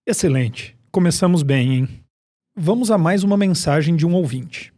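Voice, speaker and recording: A man with a Brazilian accent, hosting a psychiatry podcast and explaining points in a measured, scripted way. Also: fairly high pitch, expressive, dark tone, no echo, clean studio sound. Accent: Brazilian Portuguese.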